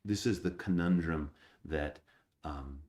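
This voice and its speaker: Male abbot, Dharma talk. Low, dark voice, reads scripture slowly, then teaches with rhetorical questions. Echoey hall.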